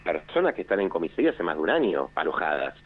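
An Argentine man, a security official phoning into a radio show, explains things in a measured way with many hesitations over a phone line that keeps breaking up. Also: low-pitched, very animated, a little hiss or hum. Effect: choppy phone line that keeps cutting out.

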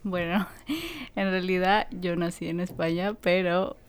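A woman's voice: on the low side, animated, measured pace. A woman, a guest chatting casually and hesitantly with frequent laughs. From Ecuador. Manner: hesitant, laughs often, many fillers. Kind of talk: casual chat.

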